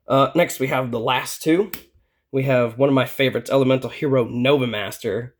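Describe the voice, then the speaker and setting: A man hosting his own channel, walking through a card deck in a casual, rambling way, with lots of fillers and little chuckles. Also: medium pitch. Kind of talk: casual deck profile talk.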